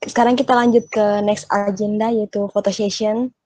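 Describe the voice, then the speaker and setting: A woman's voice: mid-range voice, little pitch movement, normal speed, warm tone, slight background noise. A woman moderating an online event, speaking politely and evenly on a video call. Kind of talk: announcing next agenda.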